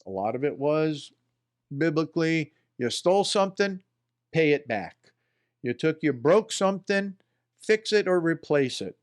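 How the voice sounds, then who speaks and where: Slow, smooth-voiced folksy man. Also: a little high, animated. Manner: folksy, rambling, talks to himself. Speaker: political commentary host. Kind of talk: casual spoken commentary.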